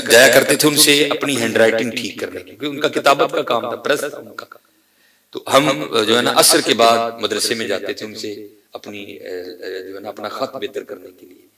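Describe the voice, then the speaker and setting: A male preacher giving an impassioned sermon, swinging from loud to hushed. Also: medium pitch. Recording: echoey hall from far off.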